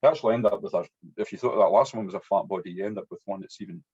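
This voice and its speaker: A man's voice: deep voice, racing, dark tone, husky. A man with a strong, broad Scottish accent, giving an informal hands-on demonstration as an instructor, chatty and often tagging his sentences with "yeah". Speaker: fly-tying instructor. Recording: dull, muffled lo-fi audio.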